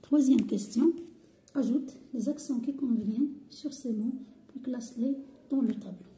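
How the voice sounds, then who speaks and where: A woman teaching a French grammar lesson, talking slowly and deliberately, spelling out letters, repeating words and often dropping to a half whisper. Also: on the high side, dark tone. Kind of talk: slow lesson explanation.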